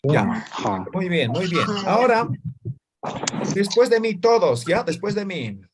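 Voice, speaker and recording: A man's voice: sits high, very animated, slow, very noisy. Man drilling syllables in an online class. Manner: drills students with repeated syllables; frequent tag questions. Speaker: teacher.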